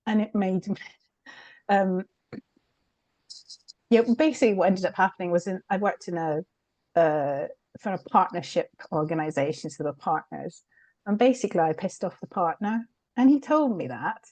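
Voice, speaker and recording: A middle-aged British woman, a change consultant guesting on an interview show, reflects candidly and conversationally on her work with frequent laughs and fillers. Her lowish, darkish voice moves at normal speed with long pauses, and the recording is dry.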